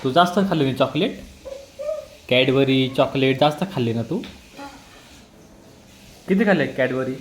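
A man's voice: mid-range voice, measured pace, pauses often, echoey room, a little hiss or hum. A man vlogging at home, teasing and coaxing a small child with playful questions. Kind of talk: playful family vlog.

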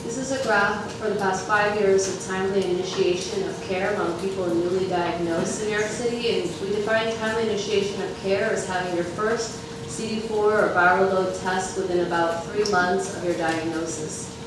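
A woman's voice: mid-range voice, fairly even intonation, normal speed, hardly any pauses. A woman steadily walking a meeting through a data chart. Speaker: data presenter. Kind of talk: reading out chart findings. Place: large meeting room. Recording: echoey room from far off, noisy.

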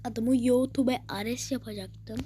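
A woman streamer giving excited live commentary on her own gameplay, jumping between loud outbursts and quick whispers. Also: a little high, slightly rough. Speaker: gaming streamer.

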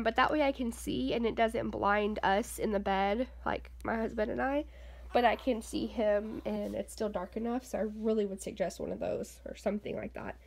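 Young mom vlogger, stuffy nose, some vocal fry, rambly and chatty, mid pitch. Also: female voice. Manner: chatty, rambling with many ums and likes. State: stuffy-nosed. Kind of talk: casual home vlog. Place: bedroom at home.

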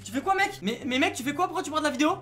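A young man with a French accent, a gaming YouTuber talking fast, teasing and yelling as he plays beside his little brother. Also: very high voice, animated, faint music behind. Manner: hyper, yelling, teasing, repeats himself. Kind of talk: excited gaming vlog with sibling.

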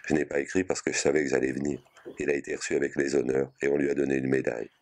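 Brief: male reader voicing an aging mother, tearful, pleading, very deep-voiced reading. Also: flat delivery, very fast, darkish tone. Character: grieving aging mother visiting her son in prison.

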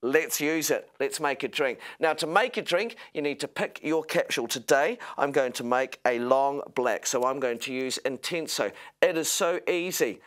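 A man's voice: mid-range voice, moderate pace, hardly any pauses, fairly bright tone. A man in his thirties presenting as an upbeat home shopping host, explaining a product step by step in sales patter. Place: TV studio kitchen set, indoors.

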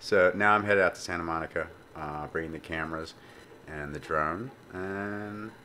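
A man's voice: low voice, moderate pace, slight background noise. A man in his thirties filming his own casual vlog with a handheld camera at arm's length, rambling with lots of ums. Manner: rambling, relaxed, many ums. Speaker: vlogger. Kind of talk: casual self-filmed vlog. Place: hotel room and parked car. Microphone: handheld action camera at arm's length.

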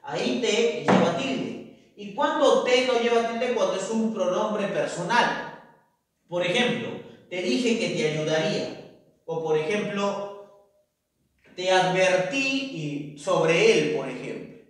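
Slow, echoey male teacher. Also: high-pitched, lively intonation. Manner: rhetorical questions, answers himself. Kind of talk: grammar lesson. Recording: echoey room, far from mic.

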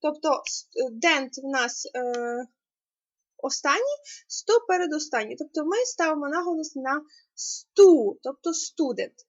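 High-voiced woman tutor, patient, lots of ums, kinda dull lo-fi call audio. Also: expressive, a little slow. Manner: patient, explains step by step with many fillers. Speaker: Polish language tutor. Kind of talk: online language lesson.

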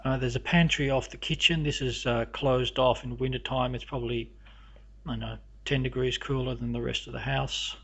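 A man walking through his home with a camera, narrating the rooms in a halting, casual way full of fillers and restarts. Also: medium pitch, fairly even intonation, gravelly, fairly bright tone, slightly rough. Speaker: homeowner giving a house tour. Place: inside a house, walking room to room.

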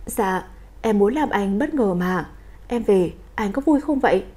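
A woman's voice: medium pitch, animated, unhurried, a little mellow. A woman playing a clingy, coaxing young fiancée. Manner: coaxing, whiny and pleading. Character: clingy, sweet-talking young actress fiancée.

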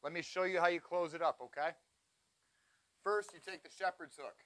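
A man's voice: high voice, moderate pace, fairly bright tone. A man in his forties giving an enthusiastic walkaround tour of a camping trailer, recorded on a lapel mic. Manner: enthusiastic, pointing things out as he walks. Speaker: trailer reviewer. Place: inside and around a cargo trailer on an outdoor lot.

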